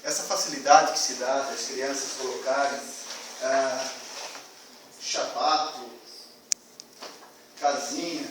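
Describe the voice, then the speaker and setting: A man's voice: fairly high pitch, background noise. Man explaining in a distant echoey classroom. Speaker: student presenter. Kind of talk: classroom presentation.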